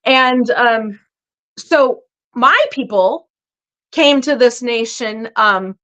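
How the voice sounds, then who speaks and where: A woman's voice: a little high, drawn-out words, pushed and bright. A woman, a guest minister speaking earnestly and reflectively in a podcast interview, with frequent fillers. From Irish American.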